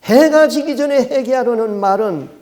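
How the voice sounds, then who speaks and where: High-voiced, mellow Korean pastor preaching. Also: male voice, normal speed. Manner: storytelling preacher asking rhetorical questions; emphatic, repeats key words. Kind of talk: sermon.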